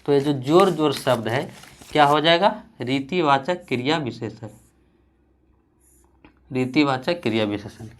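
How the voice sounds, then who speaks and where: Male teacher from Bihar, slow dictation pace, repeats himself, asks and answers his own questions. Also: mid-range voice, lively intonation. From Bihar, India. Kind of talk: grammar lesson with dictation.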